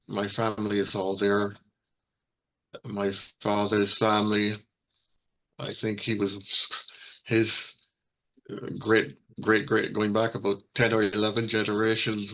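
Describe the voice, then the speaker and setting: A man from Barbados speaks as a guest presenter in a low, flat, gravelly voice. He talks haltingly, restarting phrases and filling pauses as he goes. It sounds like a video call. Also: low-quality recording. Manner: halting, many fillers and restarts. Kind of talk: hesitant informal presentation.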